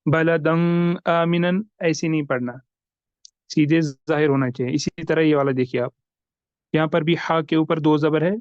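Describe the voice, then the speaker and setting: A man teaching tajweed, who spells out Arabic words slowly, letter by letter. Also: fairly high pitch, gravelly, darkish tone, no room sound, highs cut off. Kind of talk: online lesson.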